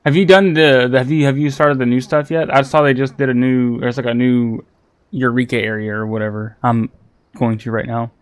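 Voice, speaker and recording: A male game streamer chats casually with his viewers, rambling through restarts and repeated words. His voice sits at an everyday middle pitch. Faint game music runs underneath. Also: fairly even intonation, brisk, smooth, no echo. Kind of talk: casual livestream gaming chat.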